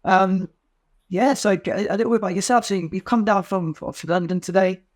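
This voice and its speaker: A man hosting a podcast, asking questions in an eager, casual way with fillers. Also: high voice. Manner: eager, quick interviewer with fillers. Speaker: podcast host. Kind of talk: casual interview chat.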